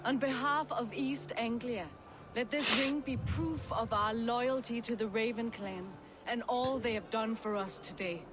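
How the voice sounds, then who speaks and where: Casting: actress as solemn medieval noblewoman, fairly high voice, formal game dialogue. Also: a little slow, lightly acted. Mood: grateful, solemn. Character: formal noblewoman pledging loyalty. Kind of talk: video game voice acting.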